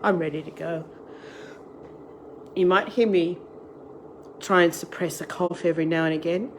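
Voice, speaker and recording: A middle-aged Australian woman speaks at normal speed in a fairly low, steady voice, though a cold is making it fade. Hosting a live cooking stream as an online tour and cooking class host, she chats casually and says hello to each new viewer. Filmed on her device camera, she's first on an outdoor deck with wind and ambient noise, then in her home kitchen.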